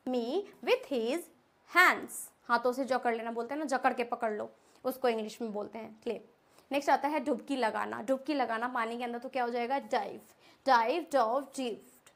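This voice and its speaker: A woman with a high voice runs a spoken English lesson. She asks the viewer a question and then repeats each verb form slowly, one word at a time. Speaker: English teacher.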